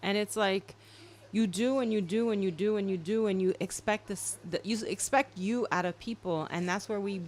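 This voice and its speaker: A woman about to turn fifty, co-hosting a podcast and speaking in a reflective, soft-spoken casual way. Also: mid-range voice, normal speed. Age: 40s. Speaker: podcast co-host. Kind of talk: casual chat.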